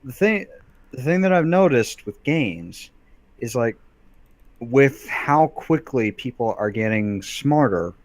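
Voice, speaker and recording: A man's voice: medium pitch, animated, takes it slowly, dry recording. A young man co-hosting a game playthrough, rambling through points with many fillers and repeated phrases. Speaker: co-host of let's play. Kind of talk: casual let's play banter.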